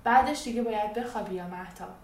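A woman voicing a patient mother at bedtime in a storybook reading, speaking gently and coaxingly. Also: medium pitch, a little hiss or hum, natural voice. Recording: echoey room, distant, faint music.

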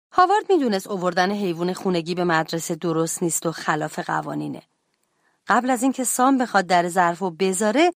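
A woman narrating a children's bedtime story in a clear, animated storytelling voice. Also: medium pitch, no echo, clean studio sound.

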